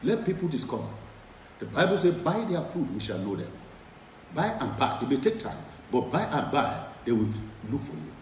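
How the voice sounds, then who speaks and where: A middle-aged man preaches with a very animated voice that climbs and falls, driving his points home by repeating them. He sits back from the microphone in an echoey room, with a faint hiss underneath. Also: mid-range voice, recorded from a distance. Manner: emphatic, repeats key phrases, lively rises and drops. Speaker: preacher and former lecturer. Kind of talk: sermon.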